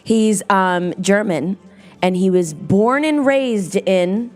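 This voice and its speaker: A woman's voice: medium pitch, slow pace, darkish tone, soft background music. A woman co-hosting a show, chatty and playful. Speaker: co-host. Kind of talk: casual show chat.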